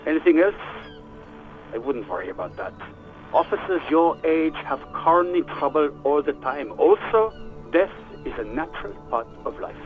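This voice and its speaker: A bored, sarcastic police doctor in a video game, trading dry insults in a slightly high voice. He sounds tinny, as if over a radio line. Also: sing-song, moderate pace, soft background music. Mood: sardonic. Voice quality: dry, dismissive and sardonic. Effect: radio transmission. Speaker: station doctor.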